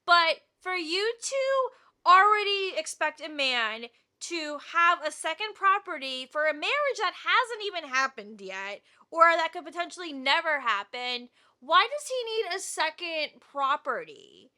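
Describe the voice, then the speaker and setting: Lively high-voiced woman ranting. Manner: exasperated, ranting. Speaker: reaction video host. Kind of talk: casual reaction commentary.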